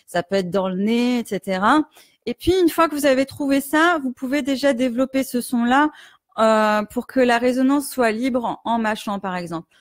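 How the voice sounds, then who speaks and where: A woman teaching singing in a live stream, explaining resonance gently with many fillers and breaking into hummed and sung demonstrations. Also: on the high side, normal speed, no echo, studio quality. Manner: demonstrates hums, vowels and sung exercises. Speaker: vocal coach.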